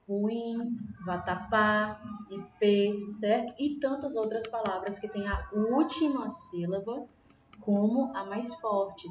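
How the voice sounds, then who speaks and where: A woman's voice: medium pitch, a little mellow. A woman with a Brazilian Portuguese accent teaching a primary school class online, patiently checking in with her pupils as she explains. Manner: patient, checks in with frequent tag questions. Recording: roomy, distant, dull lo-fi with faint hiss.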